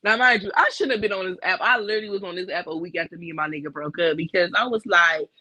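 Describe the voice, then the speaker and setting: A woman's voice: fairly low pitch, fast, sharp tone, no room sound, low-quality recording. Co-host, woman, chatty and blunt, recorded dry with no room sound. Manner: candid, profane storytelling with lots of fillers. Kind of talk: casual chat.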